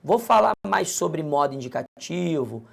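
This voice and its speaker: A male grammar teacher, his voice heavily gravelly with a husky, worn edge. He speaks straight to the student in a lively, coaxing way, as if checking that each point lands. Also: fairly high pitch, a little slow. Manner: lively, addresses the student directly and coaxes them along. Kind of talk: recorded video lesson.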